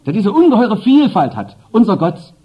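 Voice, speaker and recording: An animated male preacher whose pitch swings widely as he presses his points and turns to the congregation with asides. His voice is husky. The sermon recording is dull and lo-fi. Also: normal speed.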